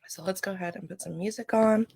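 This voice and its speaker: A woman hosts a livestream, reading oracle cards and chatting casually and reflectively with viewers. Her medium-pitched voice moves at a quick pace, and her scratchy throat keeps needing to be cleared.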